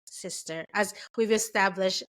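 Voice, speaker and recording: A woman's voice: mid-range voice, unhurried, fairly bright tone. A young adult woman from Canada hosting a casual book club chat, talking loosely with lots of fillers and frequent laughter. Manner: chatty, laughs often, many fillers. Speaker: book club podcast host.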